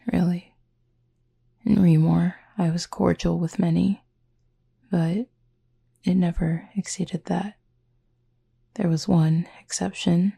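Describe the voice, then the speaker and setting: A woman voices a reserved supernatural cupid in an intimate audio roleplay, using an exaggerated, lowish, heavily creaky and husky tone that often drops almost to a whisper. Her delivery is formal and measured, tender with a gentle wryness, and her pitch stays fairly flat. The mood feels guarded and reflective.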